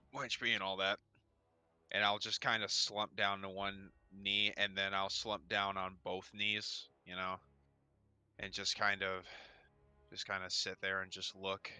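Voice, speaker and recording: A man's voice: deep voice, pushed and bright, clean tone. A man playing a tabletop game, joking loosely and swearing while he describes his character's actions. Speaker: player. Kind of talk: casual tabletop play.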